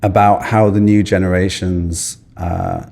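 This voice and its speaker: A man with a very deep voice co-hosts a podcast. He chats in a relaxed, joking manner and often repeats himself as he talks. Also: a little slow. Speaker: podcast co-host. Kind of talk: casual chat.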